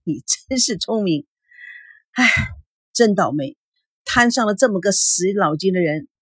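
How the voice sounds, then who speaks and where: 一位女声演绎的满腹牢骚的准新娘. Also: female voice, medium pitch, animated, measured pace, slightly rough, no echo, clean studio sound. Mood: complaining. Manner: grumbling, exasperated. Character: sulky young bride-to-be complaining.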